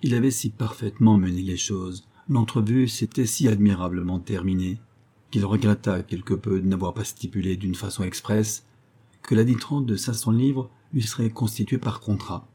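Male audiobook narrator, measured, low pitch, mellow tone. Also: steady tone, slightly rough. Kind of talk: audiobook narration of a classic story.

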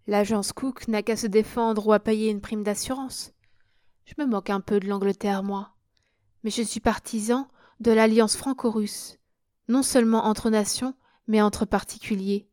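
A fearless young Parisian woman, mocking and defiant, as a reader gives her voice. Her pitch sits in the middle, and the recording is dry and close. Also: steady tone, a little slow, dark tone, no room sound, lightly acted.

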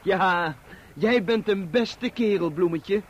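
An actor playing a smooth-talking young gentleman in a radio play, courteous with a slightly condescending edge. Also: high voice, takes it slowly, lo-fi sound, slight background noise.

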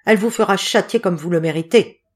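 A woman reading an audiobook, voicing an indignant older woman who speaks loudly and haughtily. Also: medium pitch, fairly quick, close to an everyday voice. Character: indignant older woman, devoted cat keeper.

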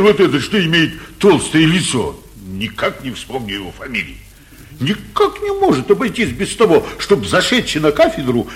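A male actor with a high voice plays an anxious, blustering middle-aged provincial mayor. His delivery is emphatic and theatrical, in the style of 1940s radio comedy.

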